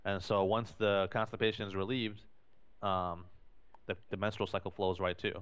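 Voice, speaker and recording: A man's voice: lowish voice, little pitch movement, normal speed, fairly bright tone, clean tone. A man in casual podcast talk, explaining at length and often repeating and restarting his phrases. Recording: dull lo-fi recording.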